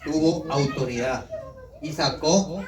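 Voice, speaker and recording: A Colombian man preaching in a lively voice, somewhat high for a man. He sits back from the mic in a roomy, echoing hall, and a congregation can be heard around him. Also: takes it slowly, crowd noise. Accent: Colombian Spanish. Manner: lively preaching, teasing the congregation with questions and mock quotes. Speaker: visiting pastor. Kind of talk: sermon. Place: church hall. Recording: echoey hall, mic far off, congregation audible.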